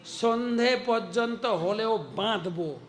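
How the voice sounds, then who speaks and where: A man's voice: sits high, slow, pitched above the performer's own voice. A man voicing a stubborn, scolding village mother in a spoken devotional story. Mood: stubborn anger. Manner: scolding, determined.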